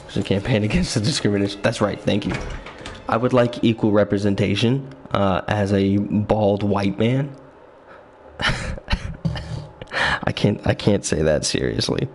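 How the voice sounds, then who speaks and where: Slight background noise and game music accompany a man whose fairly low voice moves at a measured pace with frequent pauses. He's a streamer doing casual let's-play commentary, joking, self-mocking and chatty.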